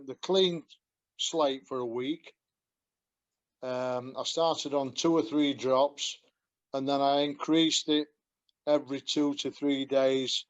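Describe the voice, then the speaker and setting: A man's voice: medium pitch, dull audio. A man with a Yorkshire accent on a video call, telling his story in a rambling, self-deprecating way with frequent chuckles. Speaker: guest giving a testimonial. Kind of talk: casual video call chat.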